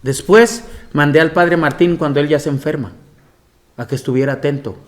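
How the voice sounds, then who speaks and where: A man's voice: on the high side, normal speed. A man, a monsignor telling anecdotes in a lecture and often laughing. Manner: storytelling with frequent laughter.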